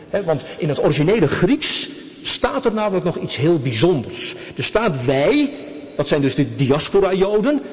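A man's voice: fairly high pitch, darkish tone. A man preaching a sermon to his congregation, asking them questions as he goes. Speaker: pastor. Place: church. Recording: long reverb of a church hall.

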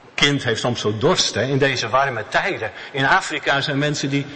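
A man preaching a sermon in a church, slow and emphatic, repeating key words. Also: mid-range voice, bright, forceful tone. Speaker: pastor. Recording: long church reverb.

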